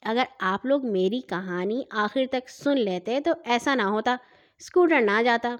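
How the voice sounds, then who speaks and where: A woman's voice: a little high, highs cut off, lightly acted. A woman voicing a smug, offhand young boy in a children's story. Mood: nonchalant. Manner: offhand and cocky.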